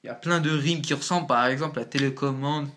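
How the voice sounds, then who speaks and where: A man's voice: on the high side, fast, a bit bright, slight background noise. Slangy young man explaining casually. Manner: slangy, loose, thinking aloud. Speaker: amateur rapper explaining rhyme. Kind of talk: casual home-made tutorial.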